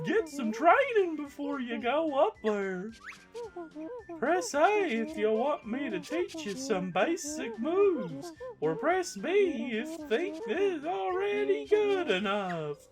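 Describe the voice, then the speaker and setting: Bookish mole guy for a game let's play, slow and lilting, a woman puts him on. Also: sits high, big pitch swings, music in the background, voice pushed up, exaggerated voice. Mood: instructive. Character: short-sighted know-it-all male mole.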